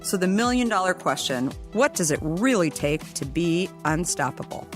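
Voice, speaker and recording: Woman, podcast host, upbeat, friendly interviewer, lower voice. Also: lively intonation, normal speed, over music.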